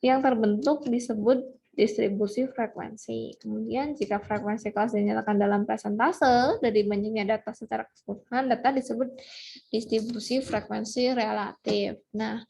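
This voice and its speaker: Woman, lecturer, gravelly voice, slightly high, patient explanatory lesson. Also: a little mellow, a little hiss or hum. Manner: explanatory, with frequent fillers and restarts. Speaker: university lecturer. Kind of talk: recorded online lecture.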